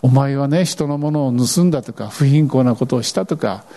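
A man preaching a sermon as pastor, animated and expressive, acting out scripture lines as he goes. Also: mid-range voice, fairly quick.

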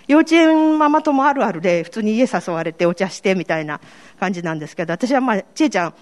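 A woman's voice: mid-range voice, animated, quick pace. Candid Kansai woman giving church testimony. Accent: Kansai Japanese. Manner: candid, self-deprecating storytelling. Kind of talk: personal faith testimony to a congregation.

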